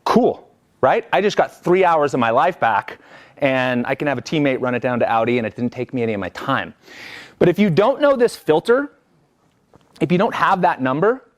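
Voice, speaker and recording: A man's voice: medium pitch, expressive, moderate pace. A man leading a live business coaching workshop, talking energetically and conversationally and checking in with the group.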